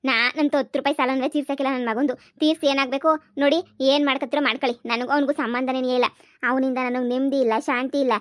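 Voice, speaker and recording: A woman's voice: sits high, steady tone, no echo, close to an everyday voice. A woman voicing a stubborn, election-obsessed mother in a cartoon comedy, scolding and grumbling. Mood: defiant. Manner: scolding, grumbling, fast and defiant.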